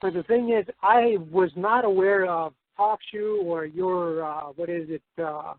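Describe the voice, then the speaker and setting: A man with a high-pitched voice calls in for advice, speaking unhurriedly over a narrow-band phone line. Raised in the United States, Spain and Mexico, he explains himself casually and hesitantly, repeating phrases.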